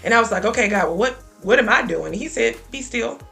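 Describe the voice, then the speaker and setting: A woman's voice: fairly high pitch, lively intonation, a little fast, gravelly, bright, forceful tone, soft background music. A woman in her thirties talking earnestly about faith and telling her own story as a guest on a talk show. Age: 30s.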